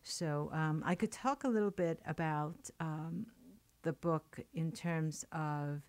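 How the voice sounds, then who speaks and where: A Chinese poet and professor, a native Chinese speaker, talks as a guest in a radio studio. Her low voice is a little mellow and comes slowly, with no echo. She sounds thoughtful and uses many fillers and restarts.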